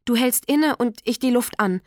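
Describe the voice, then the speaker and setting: A woman narrating a literary text in a quiet, measured, intimate way. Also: fairly high pitch, dry recording, clean studio sound. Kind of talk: literary reading.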